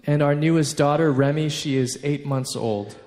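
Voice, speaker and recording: A man in his thirties gives a live faith talk in short, earnest phrases, slipping in dry jokes at his own expense. His voice sits a bit high for a man, and it rings out with a long hall reverb. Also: normal speed, darkish tone. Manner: earnest, with light self-mocking humor.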